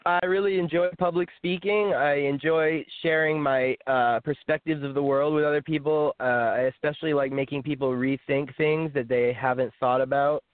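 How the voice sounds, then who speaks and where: A man's voice: a little high, fairly even intonation, moderate pace, few pauses, no echo. Young male author guest, frank and chatty; phone-quality, dry. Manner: frank, chatty, with small laughs. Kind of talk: casual interview talk.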